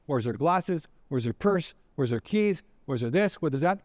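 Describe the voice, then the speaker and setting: A man voicing a male train passenger who loudly scolds a woman as if she were his careless wife. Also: a little high, lively intonation, a little slow, no echo. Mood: exasperated. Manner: shouting, exasperated ranting.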